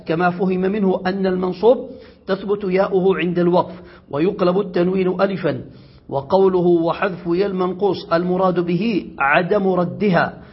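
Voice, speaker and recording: A man teaching an Arabic grammar lesson, reading a passage aloud and then explaining it slowly with questions to his students. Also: high-pitched, slightly rough. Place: classroom or study circle. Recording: dull lo-fi classroom recording.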